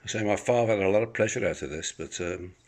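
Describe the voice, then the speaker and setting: With slight background noise, a man speaks fast in a fairly low voice while showing an item he wants to sell. His handheld-phone recording in the living room of his apartment captures a casual, unscripted demo full of rambling and hesitation from behind the camera.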